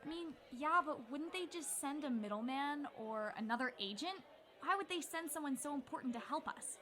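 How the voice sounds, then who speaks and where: A skeptical young agent in an audio drama, voiced by a woman, always probing with questions. Her voice is bright and high. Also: animated, normal speed.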